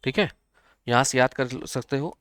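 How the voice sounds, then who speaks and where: Clear-voiced man teaching an online geography class. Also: medium pitch, moderate pace, a bit bright, no echo. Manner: repetitive, checks on students, uses memory tricks. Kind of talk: live online exam-prep lesson.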